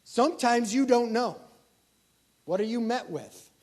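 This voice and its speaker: A pastor preaching a sermon, asking the congregation rhetorical questions and swinging from loud emphasis down to quiet asides. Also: male voice, extremely high pitch, animated, measured pace.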